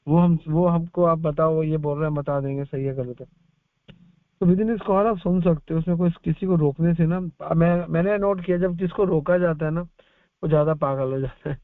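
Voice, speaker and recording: A man's voice: fairly high pitch, dry recording. Man counseling over a tinny line. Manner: advising, repeats points for emphasis. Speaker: spiritual counselor. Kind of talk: answering a devotee's question. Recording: tinny dry phone line.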